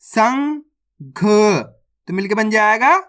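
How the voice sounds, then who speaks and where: A reading teacher who sounds out words syllable by syllable, then says each whole, and checks with viewers that it is clear. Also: medium pitch, animated, drawn-out words, fairly bright tone. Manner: addresses viewers as friends, asks if it is clear. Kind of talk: slow word-by-word reading lesson.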